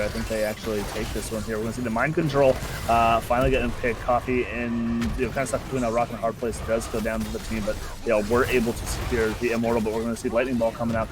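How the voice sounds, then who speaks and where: Lowish guy co-casting a video game match, chatty, lots of uhs and you knows. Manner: loose and chatty with many fillers. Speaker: esports co-caster. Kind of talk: esports color commentary.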